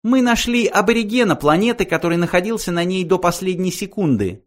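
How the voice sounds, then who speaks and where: High, squeaky little male mouse who talks briskly and at length, worn out by his long task, as a male narrator puts him on. The voice stays well above a normal man's pitch and jumps about lively as he explains. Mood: matter-of-fact. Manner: brisk, talkative, fed up.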